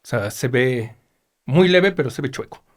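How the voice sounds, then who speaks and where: In a casual interview, a middle-aged chief mechanic for a race team shares stories in his Mexican accent, bringing quoted dialogue to life with animated delivery. His voice is mid-range and his pace moderate.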